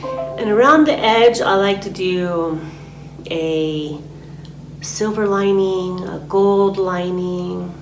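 Slow, soft-spoken woman guiding meditation. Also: on the low side, soft background music. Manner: slow and soft, often dropping to a whisper. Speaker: meditation teacher. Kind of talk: guided meditation. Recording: roomy recording with a steady hum.

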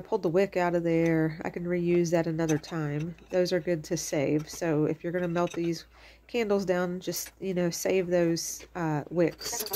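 With a fairly low pitch and slight noise in the background, a middle-aged woman walks through a craft tutorial at her kitchen table for her channel. Her voice is a bit congested from allergies, and her manner is loose and talkative, packed with fillers.

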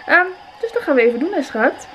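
Een jonge vrouw met een Nederlands accent die ontspannen en babbelend vlogt, met veel aarzelingen. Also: female voice, sits high, fairly quick, slight background noise. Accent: Dutch. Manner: relaxed, chatty, many filler sounds. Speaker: vlogger, new mother. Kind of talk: casual vlog chat.

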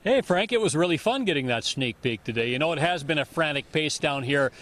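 Older male TV reporter, higher voice. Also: expressive, brisk, fairly bright tone. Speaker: field reporter. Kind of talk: live news report and voice-over. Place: outdoors at night outside a stadium. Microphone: handheld microphone.

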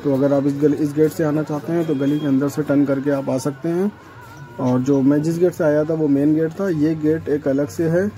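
A young man with a Farrukhabad Hindi accent gives a chatty walking tour through a packed shrine courtyard at night. He keeps pointing things out to his viewers in a mellow, relaxed voice. He is recorded on a handheld phone, with faint music in the background. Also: fairly high pitch, moderate pace. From India. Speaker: vlogger. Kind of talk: casual walking tour vlog. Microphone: handheld phone camera.

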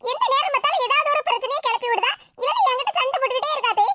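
A woman voicing a whiny, squeaky cartoon girl. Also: expressive, racing, bright, forceful tone, dry recording, exaggerated voice. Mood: complaining. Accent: Tirunelveli Tamil. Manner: whiny, complaining. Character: bickering young girl, touchy and quick to complain. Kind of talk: cartoon voice acting.

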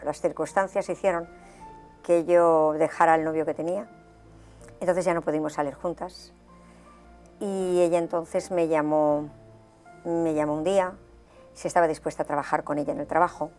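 A woman giving her personal testimony in an interview. She tells it as an animated story and acts out the dialogue. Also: lowish voice, normal speed, pauses often, soft background music.

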